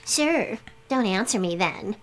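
A woman's voice: mid-range voice, animated, slow pace, fairly bright tone. A woman voicing a bubbly, scatterbrained and cheeky young girl heroine in an anime video game, playful and dramatic. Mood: relieved, cheeky. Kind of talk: English video game voice acting.

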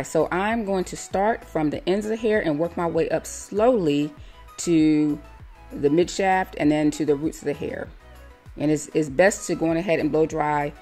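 A woman hair stylist calmly explaining each step of a hair tutorial in a voice-over. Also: sits low. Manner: calm, step-by-step instructive.

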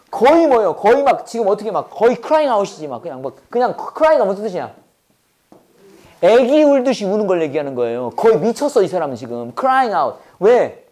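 A woman teaching English Bible verses, drilling listeners with quick rhetorical questions and mixing Korean explanation with English phrases in an emphatic, preacher-like way. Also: fairly low pitch, warm tone. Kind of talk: call-and-response memorization lesson.

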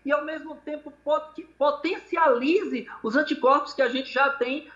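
Doctor guest, male, bright forceful voice, calling in on a dull echoey line. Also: extremely high pitch, measured pace. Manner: hesitant, repeats words while explaining. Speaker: infectious disease doctor guest. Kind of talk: explanatory interview answers. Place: hospital. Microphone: video call. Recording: lo-fi echoey video call audio.

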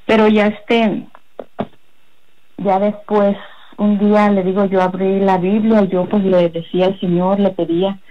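Woman giving a halting faith testimony. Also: medium pitch, little pitch movement, muffled recording, a little hiss or hum. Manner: halting, rambling storytelling with many fillers. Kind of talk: personal religious testimony.

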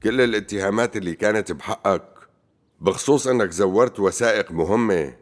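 A male actor as a formal, stern Ottoman judge of middle age in a dubbed courtroom drama. His is pitched fairly low. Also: brisk, natural voice.

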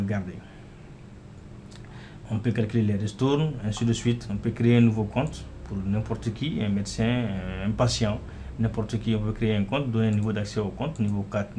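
A man with a fairly low voice talks through a software demo in a relaxed, unscripted way, filling pauses as he clicks from screen to screen. A faint background hum sits under his voice. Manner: casual, repeats "voilà" and "euh" while clicking through. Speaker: software developer demonstrating his app. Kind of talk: screen-recorded software walkthrough.

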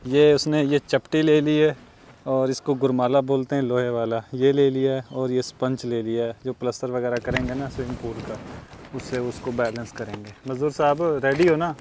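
Recorded on a lapel mic, a young Pakistani vlogger walks through farmland and a building site, narrating casually and laughing often between lines. He speaks at a medium pitch and moderate pace, with a steady, darkish tone. Slight background noise and faint outdoor ambience are present.

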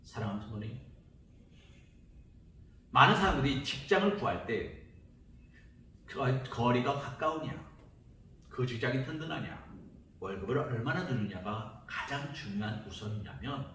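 A male pastor delivering a sermon, emphatic, swinging between loud high calls and quiet low lines. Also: lively intonation, moderate pace, long pauses, a little hiss or hum. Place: church sanctuary. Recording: echoey church sanctuary from far off.

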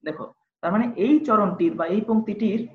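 A woman's voice: mid-range voice, fairly quick. A woman teacher giving a recorded lesson, explaining patiently step by step and speaking directly to her students. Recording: dull lo-fi recording.

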